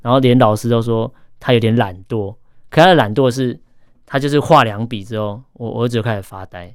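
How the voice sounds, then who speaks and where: A man's voice: medium pitch, fairly quick, smooth, no room sound, clean studio sound. A man in his thirties with a Taiwanese Mandarin accent, a guest chatting casually and telling stories. He repeats words and stumbles when he gets going. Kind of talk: casual storytelling chat.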